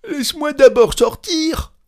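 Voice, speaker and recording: A man voicing a frightened church cantor stuck in a chest, crying out and pleading. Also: unhurried. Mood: panicked. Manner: pleading, shrill cries.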